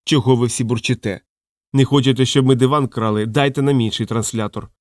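A man reading an audiobook, voicing a hulking, rude young wizard with a hoarse, gruff and surly manner. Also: medium pitch, fairly even intonation, brisk, darkish tone, no echo, studio quality, lightly acted. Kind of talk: audiobook character voice.

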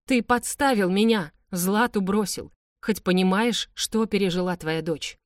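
A woman's voice: medium pitch, measured pace, no echo, studio quality, natural voice. A woman voicing an angry young woman who hisses and snaps caustic reproaches. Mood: furious. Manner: hissing, caustic, shouting. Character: furious young woman, sharp and bitter.

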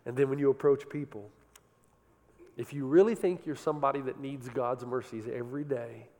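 A man preaching a sermon with passion, swinging from loud emphasis to quiet, intense moments. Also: mid-range voice, vocal fry, long reverb tail. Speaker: pastor.

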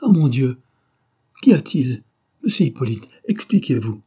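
A man voicing a shrill, indignant middle-aged wife in a read-aloud novel. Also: lively intonation, moderate pace, dark tone, slightly rough. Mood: shrill scolding.

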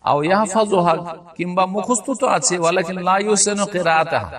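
A man with a fairly high voice gives a classroom lecture on religious law. He recites Arabic verses carefully and keeps checking that his listeners follow. He is recorded from some distance off the mic. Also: a bit bright. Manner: explains slowly, checks understanding with frequent rhetorical questions. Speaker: religious teacher.

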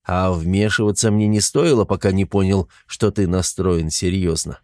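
A man's voice: low voice, moderate pace, darkish tone, no echo, studio quality, close to an everyday voice. A man reading a velvety-voiced crime boss. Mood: calm, knowing. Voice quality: velvety, trained announcer-like voice. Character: graying fifty-something male crime boss, calm and commanding. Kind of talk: audiobook character voice.

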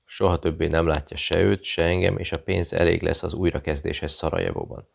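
A composed British investigator in an audiobook, as a male narrator puts him on. He talks in a smooth, friendly and quietly persuasive way. The voice is very low and gravelly. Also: fairly even intonation, a little hiss or hum. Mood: probing. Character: cool British male investigator posing as journalist.

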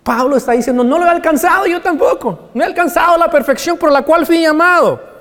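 A male pastor preaching a sermon with passion, swinging from hushed lines to loud exclamations. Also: extremely high pitch, fairly quick. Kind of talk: Spanish-language sermon. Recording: long reverb of a large hall.

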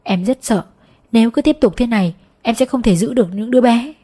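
A woman reading an audiobook, voicing a frightened pregnant young woman who murmurs softly and slowly. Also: on the high side, slightly rough, voice pushed up. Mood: fearful. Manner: soft, slow, murmuring. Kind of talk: audiobook character voice.

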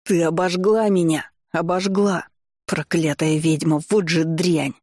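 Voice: medium pitch, steady tone, measured pace, a little mellow, no echo, natural voice. Reader playing a boastful male exile thug, coarse, slangy, yelps when hurt; dry read. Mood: howling. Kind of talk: audiobook reading.

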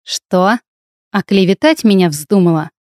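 An arrogant healer, a man who presses and threatens, snapping out curt commands in a dark, dry low voice, as a woman reads him out. He sounds imperious and spiteful throughout this storybook scene. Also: a little slow, dry recording, natural voice. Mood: haughty, pressing.

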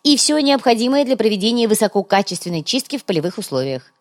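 Sly greedy trader guy, woman reading him, higher and louder, fussing and wheedling, audiobook. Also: sing-song, fast talker. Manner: ingratiating and chatty.

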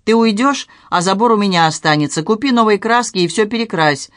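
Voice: mid-range voice, animated, a little slow, dry recording, studio quality, pitched above the performer's own voice, lightly acted. A reader voicing a nervous, indignant middle-aged woman who owns a house and scolds her hired painter. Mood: scolding.

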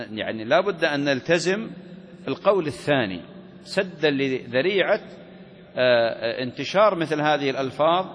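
A man's voice: a little high, fairly bright tone. A man teaching Islamic jurisprudence, asking his class questions and answering them himself. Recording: reverberant hall with faint ambient noise.

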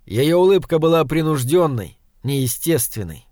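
A man narrating a literary audiobook in a steady, even storytelling manner. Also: a little high, moderate pace, dry recording, studio quality.

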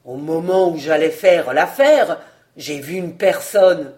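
A reader voicing an old male majordomo in an audiobook, speaking low and subdued. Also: slow pace, darkish tone, natural voice. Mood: defensive. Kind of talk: audiobook character reading.

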